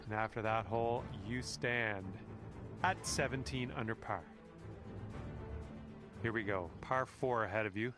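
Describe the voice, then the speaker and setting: An actor playing a friendly golf game commentator who speaks calmly and encouragingly to the player in scripted lines. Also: male voice, fairly low pitch, unhurried, long pauses, over music, natural voice.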